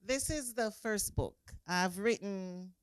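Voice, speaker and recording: A woman with a Jamaican accent, speaking earnestly as an interview guest and trailing off softly at the ends of her phrases. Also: mid-range voice, slow pace, smooth, dry recording. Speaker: guest, author and preacher. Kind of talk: casual interview.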